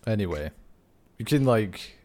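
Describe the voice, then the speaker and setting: A man's voice: fairly low pitch, lively intonation, measured pace, a little mellow. A man with an Upper Midwest accent hosting a casual podcast chat, rambling with lots of fillers. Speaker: podcast host.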